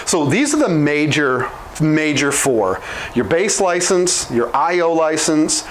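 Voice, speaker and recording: With a slightly high, sing-song voice, the thirtysomething trainer from Oklahoma rattles off explanations of software licenses at the whiteboard, frequently backing up to fix what he said. The low-quality lapel-mic audio from a small room carries slight background noise.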